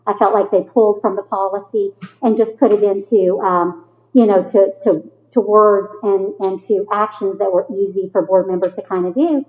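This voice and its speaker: A woman with a Kentucky accent, a school board member, speaking earnestly with frequent fillers in a meeting. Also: mid-range voice. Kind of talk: formal meeting discussion. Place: meeting room. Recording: echoey hall over a thin phone-like line.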